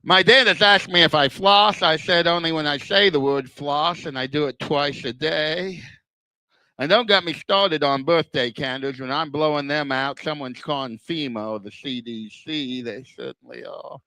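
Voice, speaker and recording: An older man doing stand-up comedy with a slurred, whistling lisp, as if missing front teeth, delivering self-deprecating punchlines deliberately. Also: fairly high pitch, pushed and bright, no echo, low-quality recording.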